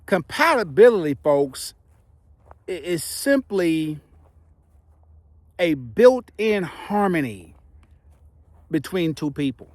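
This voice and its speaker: A middle-aged man with a higher-than-average, very animated voice offers viewers casual, playful relationship advice, speaking emphatically with dramatic pauses while the retainers he wears slightly impede his speech. The recording is dry.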